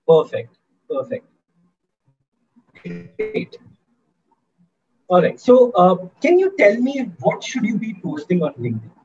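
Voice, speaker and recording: Brief: high-pitched man leading a student workshop, upbeat and coaxing, muffled lo-fi call audio. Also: wildly swooping pitch, takes it slowly, long pauses, darkish tone. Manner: upbeat, coaxing, keeps asking the audience. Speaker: guest speaker in a student workshop. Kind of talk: interactive online lecture.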